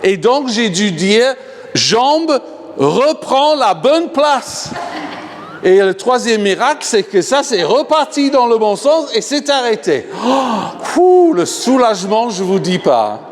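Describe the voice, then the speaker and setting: English-accented guy preaching at a healing night, slow, laughs a lot, big church reverb. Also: sits high, sing-song. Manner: jokey, laughs often, asks the crowd for raised hands. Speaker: guest healing minister. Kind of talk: animated healing-service preaching. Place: large church hall. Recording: long hall reverb.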